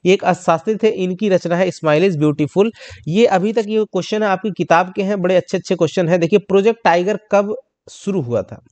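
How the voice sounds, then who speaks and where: Male teacher, high-pitched, talks students through exam questions and repeats answers for them to note. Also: brisk, darkish tone.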